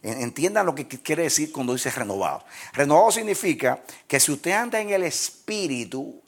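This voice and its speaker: A man preaches a sermon in a voice pitched a little above most men's. He swings between loud, emphatic bursts and quiet, hushed stretches. He chuckles at his own jokes. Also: expressive, normal speed, creaky. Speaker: pastor.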